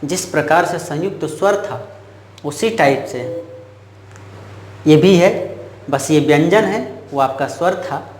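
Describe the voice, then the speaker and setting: A male teacher with a fairly high voice leads a grammar lesson at an unhurried pace. He repeats sounds again and again and fires questions at the class before he answers them. The room around him is echoey. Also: lively intonation, darkish tone, slight background noise. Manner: drills sounds aloud, asks questions and answers them himself.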